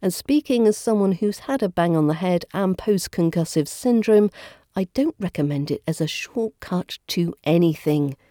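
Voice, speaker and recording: A woman delivers a scripted lesson as a coach, her voice low and mellow. She speaks clearly and deliberately, each sound placed with care. The close, dry recording leaves no room echo. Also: animated. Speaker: accent coach. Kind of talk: scripted teaching narration.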